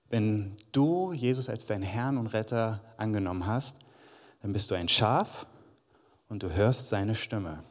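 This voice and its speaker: Lowish guy preaching a chatty sermon, church hall with long echo. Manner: conversational, addresses the congregation directly, reads Bible verses aloud.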